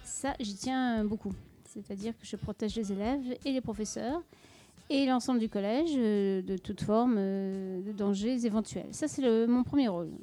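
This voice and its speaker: A middle-aged woman from Paris answering interview questions as a school deputy head, in a measured, explanatory way with frequent hesitations. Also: mid-range voice, dark tone.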